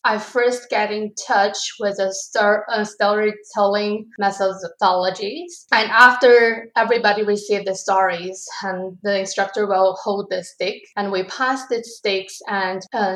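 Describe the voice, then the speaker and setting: A young woman from China speaks English with a Chinese accent. She tells her own story as a graduate student, pausing and restarting words as she goes. Her voice is at an ordinary pitch for a woman. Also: fairly bright tone, rough recording. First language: Mandarin Chinese. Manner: halting, with frequent restarts and self-corrections. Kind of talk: personal storytelling.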